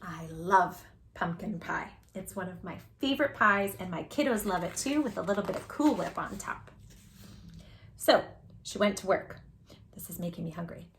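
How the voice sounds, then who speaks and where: A woman with a lowish voice hosts storytime at a normal speed, reading a picture book aloud with expression. She's playful and animated, chatting directly with the young children listening.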